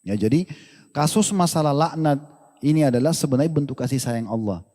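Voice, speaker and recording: Male preacher, slightly high, mellow voice; casual, joking lecture full of rhetorical questions. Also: a little fast, big-room sound. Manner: lively, joking, asks rhetorical questions, colloquial slang. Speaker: Islamic preacher.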